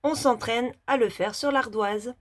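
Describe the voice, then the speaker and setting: A woman teaching young children handwriting, talking slowly step by step as she writes. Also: a little high. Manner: slow, step-by-step demonstration while writing.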